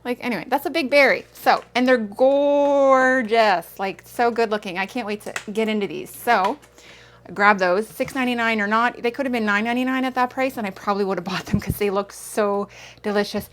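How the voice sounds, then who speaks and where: A woman's voice: fairly high pitch, a little fast, fairly bright tone. A woman in her thirties chatting casually through a grocery haul vlog, rambling with self-aware asides. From Canada. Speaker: vlogger.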